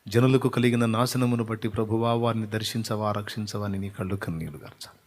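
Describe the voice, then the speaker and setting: A man preaching in the style of a fervent prayer, pleading and swinging from hushed whispers to loud impassioned cries. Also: lowish voice, fairly even intonation, fast talker, long reverb tail. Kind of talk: emotional prayer sermon.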